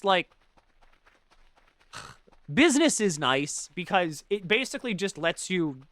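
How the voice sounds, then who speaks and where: A man with a slightly high voice and a cold, chatting loosely over his gameplay stream. He rambles, swears freely and jokes around, sliding from half-mumbled asides to sudden loud bursts when he commits to a bit. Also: no echo. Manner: rambling, joking, swears often, swings from mumbling to loud bits. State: has a cold. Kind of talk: casual gaming stream chat.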